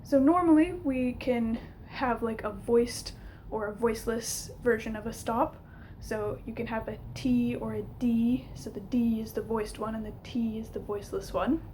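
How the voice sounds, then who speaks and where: A woman's voice: a little high, steady tone, moderate pace, mellow, a little hiss or hum, rough recording. A young woman giving an informal explanatory lesson to camera as a teacher, sometimes hesitant, recorded on a camera mic at home. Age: young adult. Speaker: linguistics teacher. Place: small room at home, indoors.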